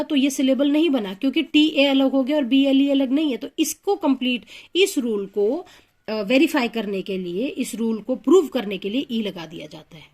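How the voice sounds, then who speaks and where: A woman with a slightly high voice teaches English phonics. She explains step by step, patiently working through example words and pausing with small fillers as she thinks. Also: darkish tone.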